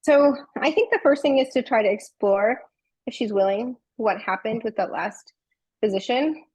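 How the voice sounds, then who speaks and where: Woman participant, measured and thoughtful, breathy edge, dry recording. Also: on the high side, a little mellow, no room sound, low-quality recording. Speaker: workshop participant. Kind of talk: group discussion.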